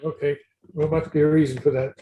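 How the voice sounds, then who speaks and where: A man's voice: fairly high pitch, level tone, brisk, very noisy. A man chatting casually as a panelist on a live video call, his voice muffled and away from the microphone. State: muffled, off-mic sound. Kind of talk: casual chat. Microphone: far from the microphone on a video call.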